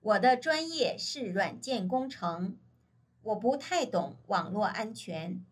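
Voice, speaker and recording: A woman reading a scripted textbook dialogue for a language lesson, speaking slowly and carefully. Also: medium pitch, lively intonation, slightly rough. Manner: slow, careful enunciation.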